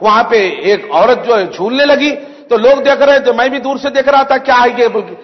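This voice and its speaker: A man preaches in a high voice, animated and building to emphatic peaks. He mixes humorous anecdotes into the sermon. The sound carries a long hall reverb and a dull, muffled tone. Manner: animated, acts out characters and rises to emphatic peaks.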